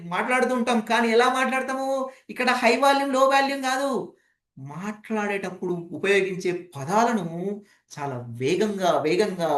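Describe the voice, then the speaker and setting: Woman coaching voice modulation, roomy sound. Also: medium pitch. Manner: demonstrative, shifts volume and pace on purpose to illustrate points; asks the audience rhetorical questions. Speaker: voice modulation trainer. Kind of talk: online training session lecture.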